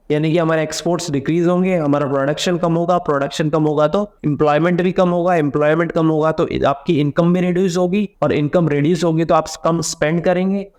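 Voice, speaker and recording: A man's voice: fairly high pitch, a little mellow. A man giving an exam-prep explainer lesson on economics, going step by step, asking and answering his own questions, and mixing in English terms. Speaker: economics educator.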